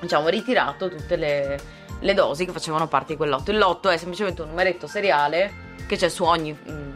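Female podcast co-host, methodical explainer, lower voice, faint music behind. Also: fairly quick. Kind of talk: casual podcast discussion.

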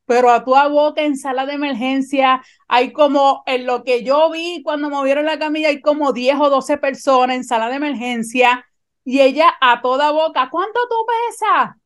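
A woman, telling a personal story in animated conversation and often checking that her listener follows. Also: sits high, moderate pace.

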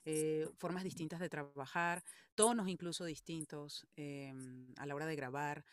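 A Venezuelan woman who works as a voice actor, chatting in an interview with a Venezuelan Spanish accent. Her speech is lively and she laughs easily. The sound is dry and close, with little room around it. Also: sits low, measured pace, clear, resonant tone, dry recording. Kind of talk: conversational interview.

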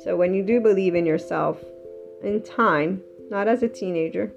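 A woman's voice: mid-range voice, moderate pace, creaky. A woman giving an earnest, rambling solo talk about anger, love and self-belief, in a conversational way. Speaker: self-help speaker. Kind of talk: reflective solo talk on emotions. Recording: slightly muffled with soft guitar music.

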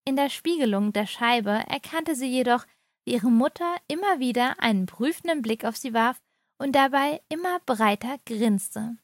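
A woman reading a story aloud, giving the characters lively voices of their own. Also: on the high side, moderate pace, no echo, clean studio sound. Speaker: narrator.

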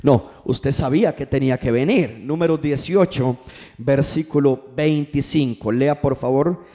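A man's voice: medium pitch, unhurried, warm tone. A male pastor preaching a sermon in church, calling the congregation to answer back. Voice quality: preaching with call-and-response to the congregation.

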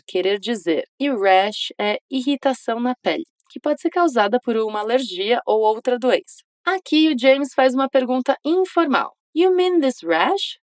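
A woman's voice: on the high side, dry recording. Encouraging woman teaching English. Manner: encouraging, models English phrases slowly for repetition. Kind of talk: scripted language lesson.

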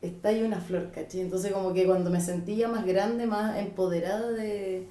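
A woman's voice: medium pitch, steady tone, moderate pace, warm tone, distant mic. A woman with a Chilean accent, a podcast guest talking in casual chat, reflective and searching for words. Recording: echoey room.

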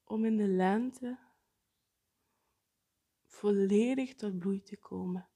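A woman guiding a breathing meditation in a soft, partly whispered, unhurried way. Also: mid-range voice, husky. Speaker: meditation guide.

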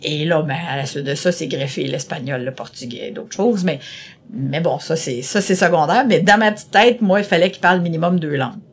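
A woman's voice: deep voice, fairly quick, husky. A middle-aged woman with a Québécois French accent answering interview questions in a chatty, rambling way, with many hesitations and repeated words. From Quebec. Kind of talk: casual conversational interview.

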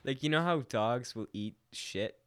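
A man's voice: medium pitch, lively intonation, unhurried, a bit bright, clear, resonant tone, dry recording, clean studio sound. A young man in casual chat, rambling through stories with lots of swearing and laughter. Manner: rambling, profane, laughs while telling stories. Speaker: podcast co-host.

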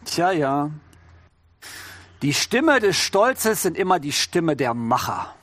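A man's voice: fairly high pitch, sing-song, slow, fairly bright tone, no echo. A middle-aged man preaching an informal, conversational sermon, often turning to the congregation with rhetorical questions.

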